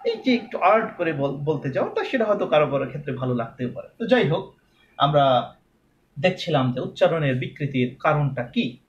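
A man from Bangladesh teaching a lesson, explaining patiently and slowly drawing out sounds as examples. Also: on the high side, animated, dull audio. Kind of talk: recorded classroom lesson.

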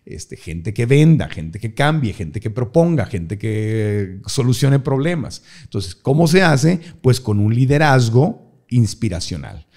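A middle-aged man with a Mexican accent talks easily in a relaxed interview. He tells his stories with energy and slips into impressions of the people in them. His voice sits at an average pitch. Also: unhurried. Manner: animated storyteller who mimics people. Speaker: guest, speaker. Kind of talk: casual interview storytelling.

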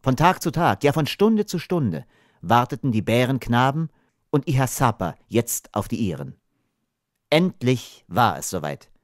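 A man reading an audiobook novel aloud in calm, even scripted narration. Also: mid-range voice, unhurried, no echo, clean studio sound.

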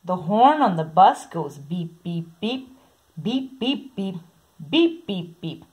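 A woman reads a children's book in an unhurried, sing-song manner. Her voice is a little breathy and soft-edged. She says the repeated sound words quietly and keeps an easy, steady rhythm. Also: medium pitch. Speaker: storybook reader. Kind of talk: reading a picture book aloud.

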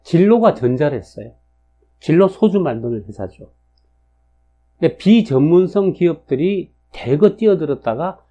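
A man's voice: on the high side, warm tone. A man in his sixties giving a casual spoken lecture, chatty, with frequent fillers and tag questions. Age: 60s. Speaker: lecturer on national fortune cycles. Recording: dull lo-fi recording.

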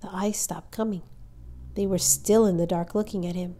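A woman reading a children's novel aloud as a storyteller, with measured, expressive narration. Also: lowish voice.

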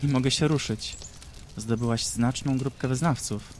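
A cruel mad sorceress from an audiobook fantasy tale, drawn-out and taunting, slipping into sing-song mockery, as a male reader puts her on. The voice sits at an ordinary middle pitch, with a faint hiss of noise beneath it. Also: lightly acted. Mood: mocking. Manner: slow, taunting, sing-song with cackling laughs. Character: mocking mad woman, ancient sorceress, cruel.

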